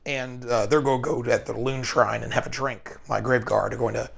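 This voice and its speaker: A man with a hoarse, gravelly voice, casually narrating his moves during a tabletop wargame with playful jokes. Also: mid-range voice, steady tone, moderate pace, fairly bright tone. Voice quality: gravelly, breathy whispery. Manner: joking, playful asides. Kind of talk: casual battle report chat.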